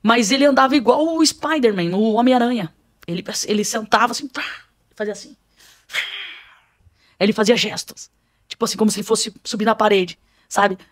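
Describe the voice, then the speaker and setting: Podcast guest: a woman who acts out her testimony vividly, voice sitting a bit high. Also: brisk, pauses often. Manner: vivid storyteller, acts out scenes. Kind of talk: personal spiritual testimony.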